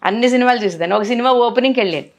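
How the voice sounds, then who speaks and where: An older actress tells stories from her career with feeling, slipping into the voices of the people she quotes. Her voice sits a little high for a woman, and she keeps the tone of a long interview. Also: racing, a little hiss or hum. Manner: animated, acts out others' words in quotes. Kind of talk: emotional storytelling in an interview.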